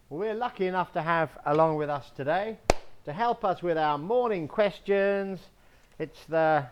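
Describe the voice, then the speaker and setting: Outdoors in a home garden, a man from England gives young children a slow English lesson, spelling words out letter by letter. His voice is on the high side, and the background is noisy.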